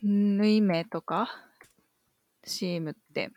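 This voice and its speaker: A woman on a relaxed podcast, thinking aloud as she guesses and nodding along with quick affirmations. Her voice sits at a middle pitch. The recording is close and dry. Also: dry recording, dull audio. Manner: agreeable, thinking aloud, many short affirmations. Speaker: podcast co-host answering quiz. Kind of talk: casual podcast chat.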